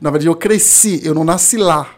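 A man in his thirties from Haiti with a Haitian accent, a podcast guest talking in a relaxed interview, often pausing and restarting as he searches for words. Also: fairly high pitch. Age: 30s. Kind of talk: casual interview conversation.

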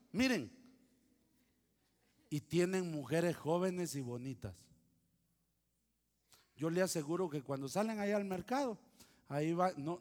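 A high-pitched pastor preaching a sermon at an unhurried pace, now booming, now dropping to hushed asides. His voice rings with a long hall reverb. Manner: preaching with sudden loud outbursts and hushed asides.

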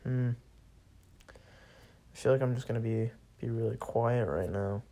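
A man's voice: medium pitch, measured pace, creaky, warm tone. A young man hosting a solo podcast, ranting casually and sarcastically with lots of swearing. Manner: profane, bored and sarcastic, laughs often.

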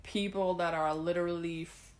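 A young woman from Germany co-hosts a casual food vlog. Her voice sits a little low, and she talks in a chatty way and laughs often. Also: fairly even intonation, normal speed, a little mellow. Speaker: co-host.

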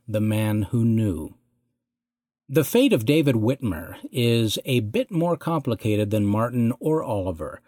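A male narrator reads a scripted church history in a measured, deliberate manner. His voice sits at an average pitch and is recorded close and dry, with no room sound. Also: a little mellow, no room sound.

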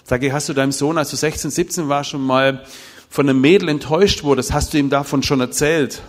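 Middle-aged male preacher, animated storyteller who acts out dialogue, recorded in a reverberant hall. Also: on the high side, a little fast. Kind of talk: sermon with told stories.

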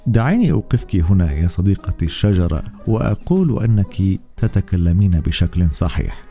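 A man's voice: deep voice, a little fast, soft background music. A man hosting a children's bedtime story podcast, narrating expressively to kids. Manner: warm-paced, expressive, addressing children. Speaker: storyteller host.

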